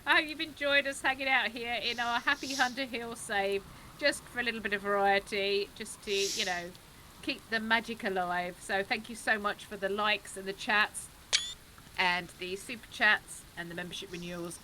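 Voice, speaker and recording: A woman's voice: mid-range voice, fairly even intonation, moderate pace, bright, forceful tone, slight background noise, rough recording. A woman playfully teasing friends and thanking her chat during a casual game stream. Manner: playful, teasing, sings silly bits. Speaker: streamer, co-host.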